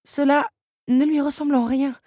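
A woman's voice: fairly even intonation, moderate pace, mellow, dry recording, clean studio sound, lightly acted. A woman voicing an anxious, motherly teapot housekeeper who frets and weeps. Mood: worried. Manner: high, tearful, fretting.

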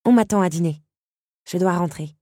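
A woman voicing a gentle young woman guest who speaks courteously. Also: lowish voice, normal speed, no echo, studio quality, lightly acted. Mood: polite. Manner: courteous, soft-spoken.

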